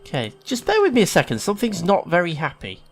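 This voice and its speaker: An English gaming host with a sniffly, hay-fever nose delivers casual, chatty, self-deprecating let's play commentary. His voice sits high, the pitch swoops wildly, and he talks fast.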